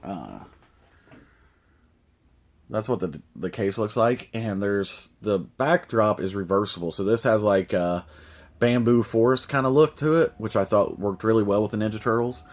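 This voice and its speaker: A man's voice: fairly low pitch, normal speed. A man casually showing off his toy collection in a home vlog, rambling with lots of ums and uhs. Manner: relaxed, rambling with many fillers. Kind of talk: casual show-and-tell vlog.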